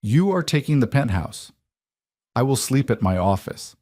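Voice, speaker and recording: A man's voice: mid-range voice, sing-song, moderate pace, warm tone, no echo, studio quality, pitched above the performer's own voice. A man voicing a commanding, controlling wealthy male CEO who speaks curtly. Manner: curt, commanding.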